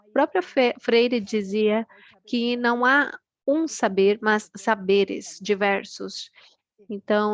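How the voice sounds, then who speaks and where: A woman giving an earnest, deliberately paced talk as a panelist at an online meeting, slowing down so interpreters can follow. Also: fairly high pitch, no echo. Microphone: video call.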